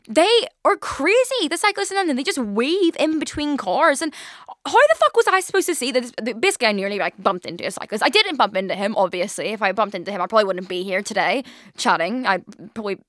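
Young woman rambling on her podcast, lots of likes and swearing, kinda high voice, dry studio mic. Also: lively intonation, fast, fairly bright tone, no room sound. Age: 20s. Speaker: podcast host. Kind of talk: casual solo podcast chat.

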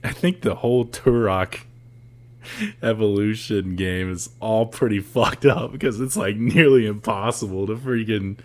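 A man's voice: fairly low pitch, unhurried. A young American man co-hosting a podcast in casual, slangy, profane chat. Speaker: podcast co-host.

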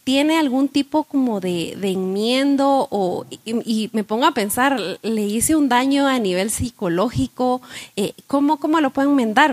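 Hesitant woman asking from the audience. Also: fairly high pitch. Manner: hesitant, searching for words. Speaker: audience member asking a question. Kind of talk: question from the floor.

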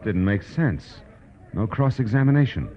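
Deep-voiced hardboiled radio detective. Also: male voice, very animated, normal speed. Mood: wry, narrating. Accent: American. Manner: clipped, punchy, wry. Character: tough, hardboiled male private detective, cynical storyteller. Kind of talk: 1940s-50s radio drama noir narration. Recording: dull vintage radio recording with music.

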